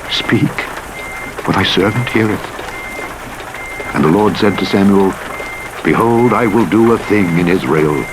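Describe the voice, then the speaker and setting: This is a scripted Bible reading by a man whose storytelling is solemn and measured, with the dialogue dramatized as he goes. Behind him, rain, a rumbling vehicle, and simulator truck sounds play over the audio.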